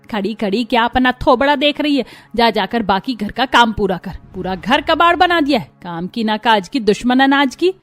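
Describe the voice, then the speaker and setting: A woman's voice: fairly high pitch, expressive, moderate pace, few pauses, lightly acted. A woman voicing a harsh scolding mother-in-law. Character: cruel shrill mother-in-law, middle-aged, scolding. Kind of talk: cartoon voice acting. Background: faint music.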